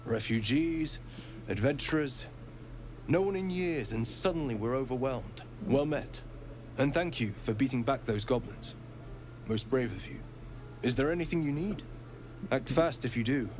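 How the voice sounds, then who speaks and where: A man's voice: medium pitch, animated, normal speed, close to an everyday voice. Man doing a grave middle-aged druid, formal, stern, noisy game audio.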